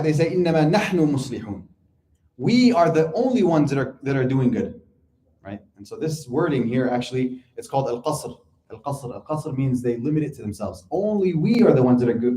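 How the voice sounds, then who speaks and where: Male religious lecturer, quick delivery, mellow tone, hammers each point by repeating it. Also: mid-range voice. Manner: explains step by step, repeats points for emphasis. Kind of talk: Quran commentary lecture. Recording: echoey room.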